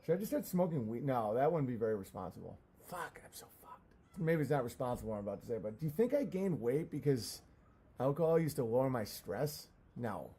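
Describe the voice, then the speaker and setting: A man on a casual livestream, rambling and halting as he answers comments with profane, self-deprecating talk. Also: mid-range voice, very animated, warm tone, husky. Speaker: live streamer.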